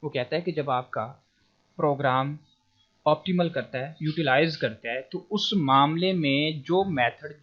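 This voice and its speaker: A male teacher giving an online programming lecture. His audio is choppy and cuts out over the call. He explains step by step and slowly reads English lines from the text. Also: a little high, highs cut off. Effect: choppy audio that cuts out over an online class call. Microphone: computer mic on a video call.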